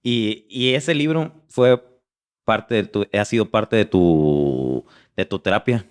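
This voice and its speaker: A man's voice: lowish voice, expressive, takes it slowly, clean tone. Man hosting a podcast interview. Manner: short backchannels, gentle probing questions. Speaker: podcast host, life coach. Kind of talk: casual interview.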